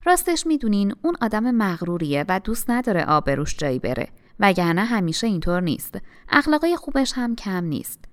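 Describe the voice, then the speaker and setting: A woman reading the lines of a quiet, submissive middle-aged mother in an audiobook. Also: mid-range voice, big pitch swings, lightly acted. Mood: placating.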